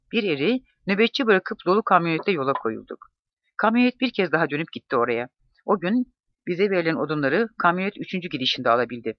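A man narrating a first-person memoir in a measured, reflective reading. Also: fairly high pitch, dry recording. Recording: dull, dry close-mic recording.

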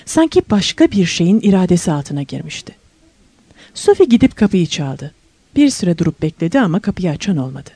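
A woman's voice: mid-range voice, warm tone, husky, no echo. A woman narrating a novel aloud as an audiobook reader, telling the story expressively and lifting her voice for questions and moments of wonder.

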